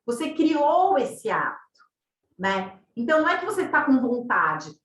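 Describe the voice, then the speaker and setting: A woman with a Brazilian Portuguese accent teaches an online running class in an easy, chatty way, often ending her points with a question to the listeners. Her voice sits fairly high for a woman. She sounds set back from the microphone in a room with a lot of echo. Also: very animated, moderate pace, fairly bright tone. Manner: conversational, tags sentences with questions, acts out quoted thoughts. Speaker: running coach. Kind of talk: online masterclass talk. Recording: roomy echo, distant from mic.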